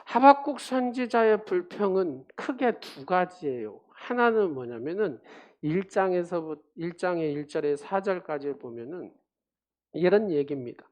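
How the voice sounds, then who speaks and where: A woman's voice: fairly low pitch, lively intonation, measured pace, a little mellow. A woman pastor delivering a sermon, pressing the congregation with emphatic rhetorical questions and dropping her voice at the ends of points.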